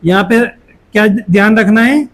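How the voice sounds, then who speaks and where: A man teaching Quran recitation, chanting each verse slowly and pausing to correct pronunciation. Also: sits high, poor audio. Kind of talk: call-and-response recitation lesson.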